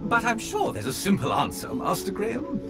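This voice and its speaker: A man's voice: very high-pitched, wildly swooping pitch, a little fast, creaky, heavily acted. A man voicing a polite male butler robot in a video game, formal and deferential, who speaks to his master in the third person. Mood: prim. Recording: game music underneath.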